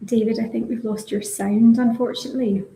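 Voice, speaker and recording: Mellow woman panelist in echoey room. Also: on the high side, steady tone, brisk, creaky, a little hiss or hum. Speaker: legal professional, panelist. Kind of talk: explanatory panel talk.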